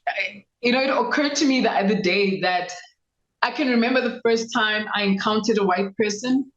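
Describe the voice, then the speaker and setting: A South African woman in her thirties, a lawyer telling her life story in a measured, reflective way. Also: mid-range voice, roomy sound, lo-fi sound. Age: 30s. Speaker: guest lawyer. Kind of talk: interview conversation.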